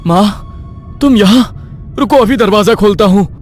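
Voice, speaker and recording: A man voicing a nervous young husband in an animated horror story, talking in an anxious, excited way. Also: medium pitch, moderate pace, soft background music, voice pushed up, lightly acted.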